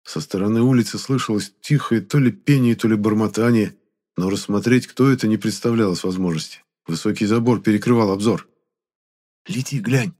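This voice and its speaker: A man narrating a first-person story with a steady, even reading. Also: fairly low pitch, fairly quick. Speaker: audiobook narrator.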